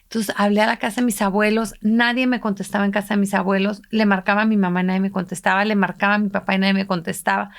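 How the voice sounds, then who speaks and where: A middle-aged woman with a medium-pitched, slightly bright voice shares a personal story in an intimate podcast conversation. Emotional and reflective, she voices the people she quotes while retelling it. She is a podcast co-host and a mother.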